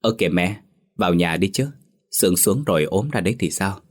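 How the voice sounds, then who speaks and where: A man voicing a young village daughter who gently consoles her mother. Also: low-pitched, a little fast. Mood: consoling. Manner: gentle coaxing.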